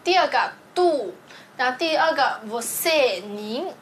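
A Portuguese teacher, a woman with a high-pitched, animated voice, reviews a language lesson step by step. She explains slowly and keeps checking in with her students by asking "对不对". There is a little hiss or hum in the audio.

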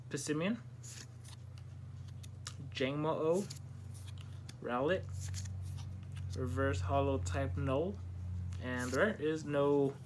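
A young man hosts a casual challenge vlog with his mouth full, so his words come out muffled. He speaks slowly and haltingly at a middling pitch. The home recording carries faint noise. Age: young adult. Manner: slow, halting card-by-card delivery. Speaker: video host opening trading cards. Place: indoor room at home, seated. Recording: noisy room, crinkling card packs.

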